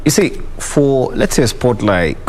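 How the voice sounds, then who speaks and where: A man from Kenya hosts a sports talk show, pressing his co-host with hesitant, probing questions and plenty of "you know". His voice is mid-pitched, with faint noise in the background of the studio recording. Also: very animated, unhurried, darkish tone. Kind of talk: studio discussion.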